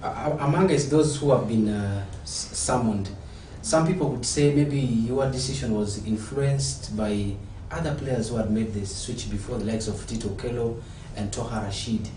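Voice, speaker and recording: A man's voice: mid-range voice, normal speed, hardly any pauses, mellow, distant mic, slight background noise. A male talk show host asking a football player questions, often repeating words as he goes. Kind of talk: studio interview. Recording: echoey room, off-mic, faint ambience.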